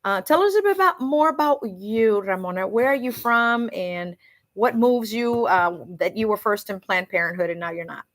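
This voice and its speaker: A woman's voice: medium pitch, normal speed. A woman hosting a community radio show, moving between English and Spanish as she introduces a call-in guest. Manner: warm-up chatter, switches between English and Spanish. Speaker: radio host.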